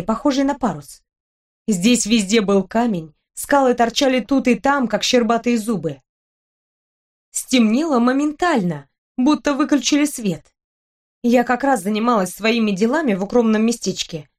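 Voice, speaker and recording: Woman reading an audiobook in first person, kinda high voice, lively. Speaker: audiobook narrator.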